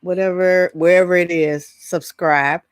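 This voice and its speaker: Her voice sits on the low side, clear and resonant, with fairly even intonation and an unhurried rhythm, and there's no echo. She's a middle-aged entertainment news host doing a casual solo vlog, giving announcements while often wandering off into side remarks.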